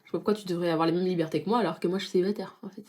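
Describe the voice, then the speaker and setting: A woman's voice: lowish voice, fairly even intonation, racing, a little mellow. A young woman performing comedic sketch monologues in a chatty, sarcastic way with lots of fillers. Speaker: comedy skit creator. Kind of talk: comedic sketch monologue playing all parts.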